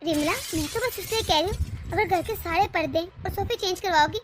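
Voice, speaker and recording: A woman's voice: very high voice, fairly quick, noisy background. A woman doing a patient elder sister-in-law. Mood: reasoning. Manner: mild, persuasive. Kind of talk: animated cartoon dubbing.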